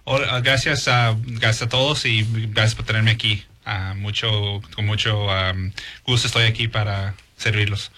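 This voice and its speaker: A man's voice: lowish voice, fairly even intonation, normal speed, bright, forceful tone. A man born in Mexico, a police sergeant answering interview questions in a hesitant way with many fillers.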